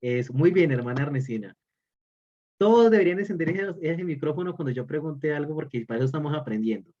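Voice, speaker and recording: A man's voice: on the high side, lively intonation, fast talker, dark tone. A man teaching an online religious formation class, repeating key phrases for emphasis. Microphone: video call. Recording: dull lo-fi call audio.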